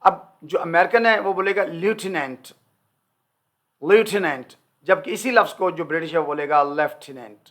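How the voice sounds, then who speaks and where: An older man teaching English in an Urdu lesson, slowly repeating each example word and phrase. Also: sits high, fairly bright tone. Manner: slow, deliberate repetition of example words.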